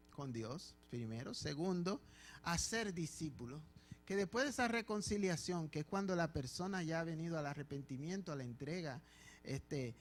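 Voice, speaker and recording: A man with a Dominican Spanish accent, a pastor preaching a sermon in church with emphatic, repeated phrases. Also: a little high. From Dominican Republic.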